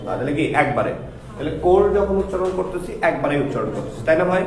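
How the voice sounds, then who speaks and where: A man teaching grammar in a live class, drilling students with quick repeated questions. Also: fairly high pitch, very animated, recorded from a distance. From Bangladesh. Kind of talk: live classroom lesson with call-and-response drills. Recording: echoey classroom from afar, student chatter.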